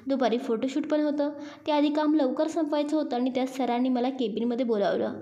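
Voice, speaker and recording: A woman voicing a shy young female office worker who speaks bashfully and softly. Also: high-pitched, a little fast, muffled recording, close to an everyday voice. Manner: bashful, hushed, telling a story.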